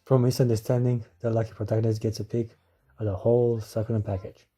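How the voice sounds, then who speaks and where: A man's voice: lowish voice, level tone, fast, mellow, breathy edge. A man narrating a scripted review as an anime reviewer.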